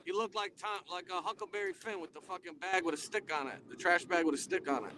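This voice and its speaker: A man's voice: high voice, quick pace, sharp tone, a little hiss or hum. A man talking casually and profanely as a remote call-in guest, his audio breaking up and sounding faint and far off. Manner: profane, rambling. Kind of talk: casual chat. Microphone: remote call, earbuds failing.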